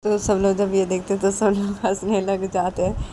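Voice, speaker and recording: A woman's voice: medium pitch, level tone, warm tone, low-quality recording. Woman casually retelling a family drama. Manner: repetitive linking phrases, plain and unhurried. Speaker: storyteller.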